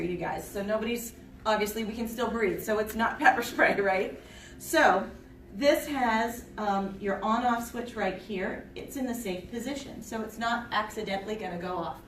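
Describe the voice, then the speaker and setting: A woman giving a chirpy, animated trade show product pitch, instructing listeners and often checking in with them. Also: slight background noise. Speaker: self-defense product demonstrator. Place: indoor expo event. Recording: echoey room, distant mic.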